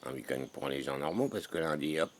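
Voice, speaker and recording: A man's voice: rumbling low, animated, fairly quick, a little hiss or hum. A man from France in casual chat with a slightly worn-out voice, folksy and talkative. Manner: chatty, folksy, keeps saying "mon gars". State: voice a bit worn out. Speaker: vlogger.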